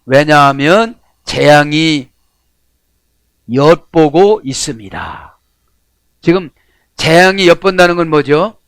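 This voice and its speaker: A middle-aged man preaches with a slightly high voice that swoops up and down as he acts out prayers and shouts. His folksy sermon was recorded close and dry. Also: dry recording. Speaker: pastor.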